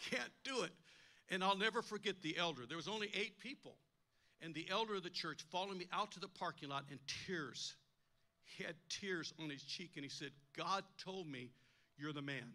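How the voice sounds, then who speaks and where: In a church, an older pastor preaches a sermon built around a personal story, his medium-pitched voice bright and forceful. His delivery is emphatic, he acts out the voices he quotes, and he often repeats words.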